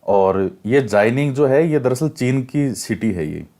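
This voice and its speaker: A male teacher talks through a textbook chapter at a measured, even pace. He reads a line, then explains it again in plainer words and repeats key points so students can remember them. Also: mid-range voice. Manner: explains step by step, repeats key facts for exam prep. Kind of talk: classroom lecture reading and explaining a textbook.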